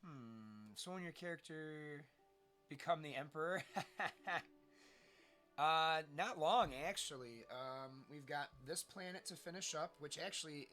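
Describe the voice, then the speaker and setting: Congested streamer with a bright voice. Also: male voice, fairly high pitch, moderate pace, faint music behind. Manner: chatty, muttering to himself, reads viewer chat. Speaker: let's play streamer. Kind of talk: casual gameplay commentary.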